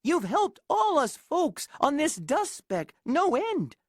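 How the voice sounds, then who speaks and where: A woman voicing a tiny, cheerful male town mayor who speaks in a high, eager piping voice, reading a storybook aloud. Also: big pitch swings, slow, no room sound, clean studio sound, heavily acted. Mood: grateful.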